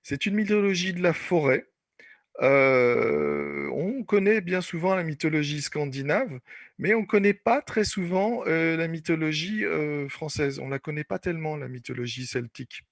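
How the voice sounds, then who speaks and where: A man's voice: on the high side, lively intonation, moderate pace, gravelly, no echo. A man teaching an online class, explaining patiently and repeating points with many fillers. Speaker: French teacher.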